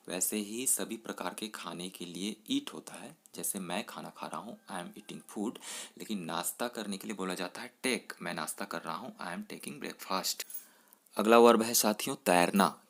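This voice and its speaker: Low-voiced male English tutor. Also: a bit bright. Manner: explains slowly, reads example sentences in measured English. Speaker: English teacher. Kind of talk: Hindi-medium English vocabulary lesson.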